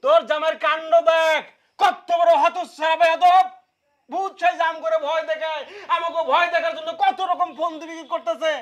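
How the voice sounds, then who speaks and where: A man's voice: extremely high pitch, little pitch movement, fairly quick. A man playing a teasing, jumpy father-in-law. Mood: indignant. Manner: playful, mocking, shouts in panic. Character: teasing, easily spooked village father-in-law. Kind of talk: comic TV drama acting.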